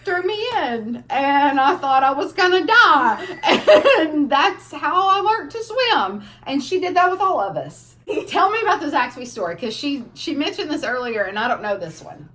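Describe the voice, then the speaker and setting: A young woman, casually telling family stories on a vlog, animated as the stories build. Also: high voice, normal speed. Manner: animated storyteller, laughing through funny parts. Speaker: family vlogger. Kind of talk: casual storytelling.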